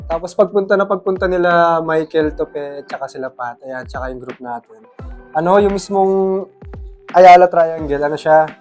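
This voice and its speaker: A man's voice: a little high, soft background music. Easygoing Filipino man telling his side. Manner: relaxed, easygoing, with many filler pauses. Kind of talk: casual storytelling.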